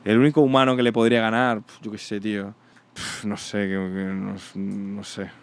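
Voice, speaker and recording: A man's voice: little pitch movement, moderate pace. A young man from Spain with a Spanish accent, reacting to a video in casual, blunt commentary full of slang and swearing. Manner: blunt, slangy and swearing, mocking others in shrill put-on voices. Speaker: reaction streamer.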